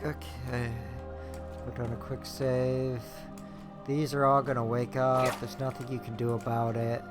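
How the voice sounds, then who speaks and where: A man with an average-pitched voice streams a video game. He rambles casually in offhand asides, close to the microphone, with clear music underneath. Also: flat delivery, unhurried. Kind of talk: casual gameplay commentary.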